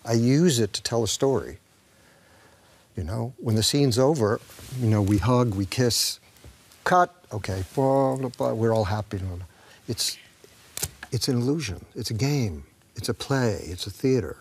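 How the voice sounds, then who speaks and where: A man's voice: mid-range voice, a little slow. A man, an actor, talking reflectively in an interview and telling a story with acted-out dialogue, sometimes dropping to a whisper.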